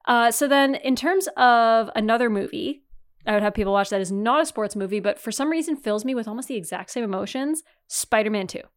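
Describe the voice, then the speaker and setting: A woman's voice: a little high, fairly quick. A woman in her thirties hosting a podcast, talking casually and enthusiastically, with plenty of "like" and some swearing. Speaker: podcast host. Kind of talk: casual chat.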